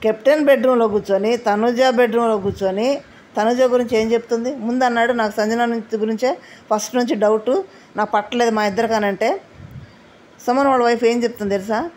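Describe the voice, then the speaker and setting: A woman's voice: a little high, steady tone, a little fast, darkish tone. A woman giving casual commentary on a reality show, chatty and often asking viewers to leave comments.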